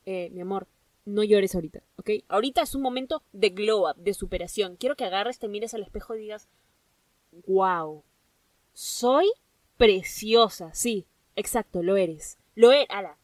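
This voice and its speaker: A woman hosting a solo podcast, giving an excitable, gushing pep talk and dropping English phrases into her speech. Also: medium pitch, fairly quick, dry recording, far from the mic. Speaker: podcast host.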